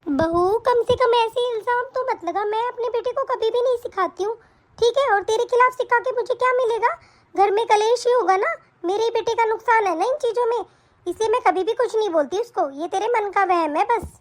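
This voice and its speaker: A woman voicing an elderly, hardworking mother-in-law in an animated story, speaking in a scolding, reproachful way. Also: very high-pitched, fairly quick.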